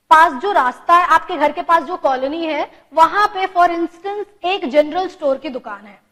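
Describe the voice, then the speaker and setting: High-voiced woman lecturing with hall echo. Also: fairly bright tone. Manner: mixes Hindi and English, rhetorical questions to students. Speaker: teacher.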